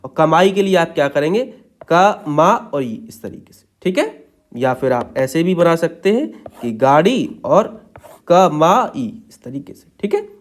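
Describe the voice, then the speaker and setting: A man's voice: fairly high pitch, sing-song, a little slow. A man teaching shorthand in a patient step-by-step tutorial, checking in after each point.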